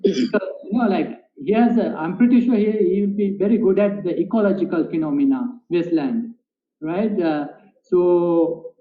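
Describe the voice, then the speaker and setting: A man's voice: high voice, moderate pace. A man giving a guest lecture on a webinar and answering audience questions, explaining patiently and checking in with tag questions. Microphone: video call. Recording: tinny call audio with room echo.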